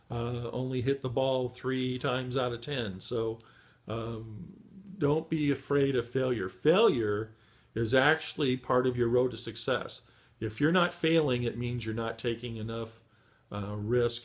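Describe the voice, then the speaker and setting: A middle-aged man giving a motivational training talk to beginners, encouraging and full of fillers and restarts, his voice going hoarse. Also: mid-range voice. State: losing his voice. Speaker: online marketing trainer.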